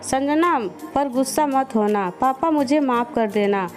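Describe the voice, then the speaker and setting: Storybook injured husband, halting speech, read by a woman in her own high voice. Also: faint music behind. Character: badly injured young husband.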